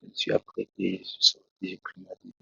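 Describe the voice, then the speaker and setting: Guesting on a talk show, this preacher gives his testimony in a deep, gravelly monotone that comes across bright and forceful. He tells it slowly, stumbling and starting over many times, in a dull, dry, lo-fi recording without echo.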